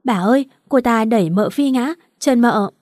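A woman's voice: fairly high pitch, moderate pace, a little mellow, no echo, voice pushed up, natural voice. Woman reading frantic housemaid, pleading, dry close mic. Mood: panicked. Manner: panicked, pleading. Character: panicked housemaid, crying woman.

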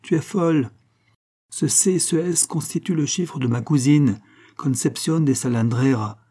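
A man voicing a calm, mocking Spanish nobleman who brushes off threats. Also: fairly high pitch, unhurried, voice pushed up. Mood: dismissive. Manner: calm, dismissive, amused.

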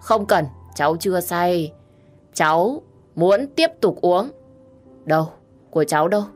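A woman acting out a tipsy, stubborn young woman who whines and begs. Her voice pitches up and pushes louder when she insists. Soft music plays underneath. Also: lively intonation, unhurried. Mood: drunk, petulant. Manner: whiny, insistent, pleading. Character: drunk tearful young woman, stubborn and clingy.

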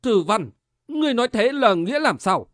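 A man voicing a fierce old Buddhist nun warrior woman who makes loud, angry demands in a martial-arts audiobook. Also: very high-pitched, very animated, a little fast, no room sound, clean studio sound, voice pushed up, full character voice. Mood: demanding.

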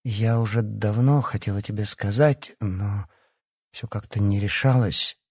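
A man's voice: on the low side, fairly even intonation, a little slow, a little mellow, slightly rough, dry recording, studio quality. A man reading as a blunt young werewolf princess. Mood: earnest, forthright.

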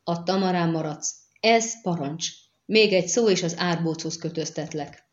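A woman's voice: lowish voice, muffled recording, natural voice. A woman reading the part of a stern, impatient sorceress giving curt orders in an audiobook. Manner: curt and commanding.

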